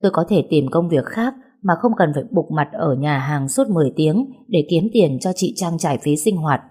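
A woman reads a first-person novel aloud, steady and somber. Her voice sits low and mellow, with a husky, breathy edge. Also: normal speed. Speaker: audiobook narrator.

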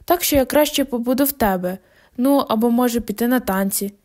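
A woman voicing a tipsy, restless sixteen-year-old girl in an audiobook, speaking loudly and pleadingly with a giggly edge. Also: on the high side, a little fast, lightly acted. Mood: tipsy, giddy. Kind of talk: audiobook character voice.

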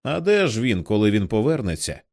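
A man reading the part of a bold, quick-tempered young man who talks in a brisk, determined way. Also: fairly low pitch, big pitch swings, darkish tone, no echo, studio quality.

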